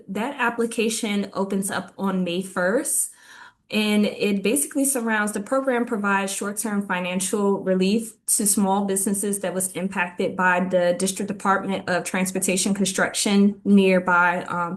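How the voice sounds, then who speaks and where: A woman giving community updates at a neighborhood commission meeting, halting with frequent ums and slightly out of breath. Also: mid-range voice. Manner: halting, many ums, reads list of items. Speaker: city government liaison giving community updates.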